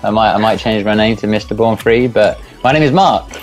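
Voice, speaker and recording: A middle-aged man from England with an English accent, chatting as a guest over a video call in a relaxed, rambling way, swearing now and then. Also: lowish voice, a little fast, faint music behind, low-quality recording. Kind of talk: casual interview chat. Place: home room, indoors. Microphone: earphone mic on a video call.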